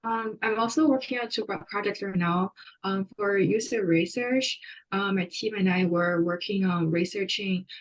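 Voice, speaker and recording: A woman from China, a graduate student speaking in a measured, careful way on a panel. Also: medium pitch, poor audio. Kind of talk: casual panel introduction.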